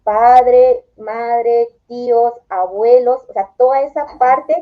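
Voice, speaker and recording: Calm explaining woman, dull lo-fi audio. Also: on the high side, slow. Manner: calm, explanatory, acts out quoted phrases. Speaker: therapist guest. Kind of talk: explanatory interview answers. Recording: dull lo-fi sound.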